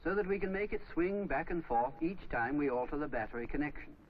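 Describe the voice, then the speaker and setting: A man with a fairly high, lively voice narrates briskly for a scripted instructional film of the 1950s, walking through steps in a teaching style. The aged soundtrack is noisy and dull.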